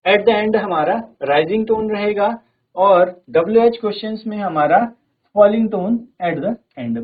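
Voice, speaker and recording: Man teaching over a thin line. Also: high voice. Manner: explains step by step, repeating "theek hai" often; reads English lines slowly and clearly. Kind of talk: virtual classroom lesson. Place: studio. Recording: phone-like narrow band.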